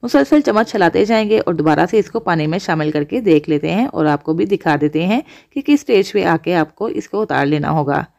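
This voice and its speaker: A woman's voice: on the low side, lively intonation, fairly quick, gravelly, few pauses, a little mellow. A woman hosting a cooking channel, explaining each step of a recipe to viewers. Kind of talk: voice-over recipe instruction.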